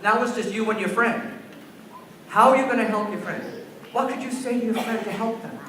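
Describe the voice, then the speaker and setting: A man's voice: high voice, brisk, a bit bright, very echoey, slight background noise. A man presenting a school assembly to young children, telling a story and asking the kids questions, recorded in a large gym by a far-off camera. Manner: asks the children questions and takes answers.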